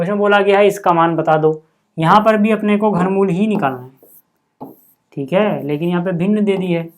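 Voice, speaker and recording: Chatty male maths teacher. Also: sits high. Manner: chatty, repeats "ठीक है", calls viewers "भाई" and "यार". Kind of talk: casual classroom explanation.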